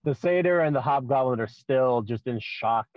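A man improvising narration as a tabletop game master, haltingly, often repeating phrases. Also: mid-range voice, no echo, highs cut off.

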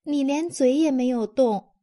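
A woman's voice: sits high, unhurried, warm tone, voice pushed up. A woman reading a storybook, voicing a kind, helpful young heroine in an earnest, eager way.

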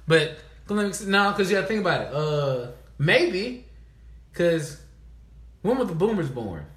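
A man's voice: high voice, sing-song, a little slow, echoey room. A man co-hosting a podcast in casual chat, talking in a laid-back, rambling, jokey way. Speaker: podcast co-host.

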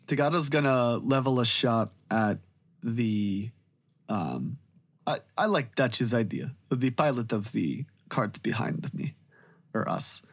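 A man plays in a tabletop game session. He talks in a halting way, stopping and restarting often, at an ordinary middle pitch. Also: animated. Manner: hesitant, halting, many restarts. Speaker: player.

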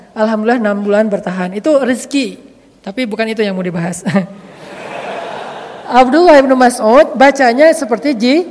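A man from Indonesia giving a casual, humorous sermon with lively storytelling and jokes. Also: sits high, big-room sound. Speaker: preacher.

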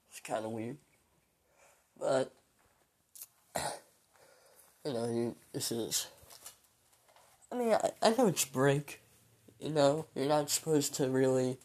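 A man's voice: mid-range voice, warm tone. Weary young man rambling into a phone. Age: late teens. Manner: hesitant, full of ums and trailing sighs. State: weary and low. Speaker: solo podcaster. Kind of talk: rambling casual monologue.

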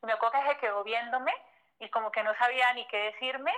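A woman's voice: on the high side, fairly even intonation, fast, pushed and bright, low-quality recording. A woman with a Mexican accent, a former model, telling a personal story in an emotional, vivid way and acting out old conversations. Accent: Mexican Spanish. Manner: emotional, vivid retelling that acts out past conversations, frequent "o sea" fillers.

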